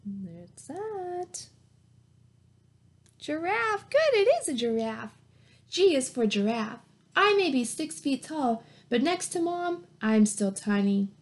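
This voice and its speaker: Speaking slowly in a high voice with big pitch swings, a teacher in her thirties reads a picture book to young children. She's encouraging and sing-song, mixing in simple questions and praise. The setting is a small, plain indoor room at home, captured by a webcam or laptop mic about arm's length away.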